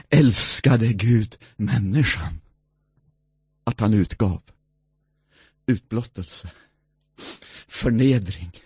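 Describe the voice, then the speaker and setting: A man preaching a sermon, swinging between soft, low passages and loud, ringing exclamations. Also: breathy edge, dry recording, studio quality.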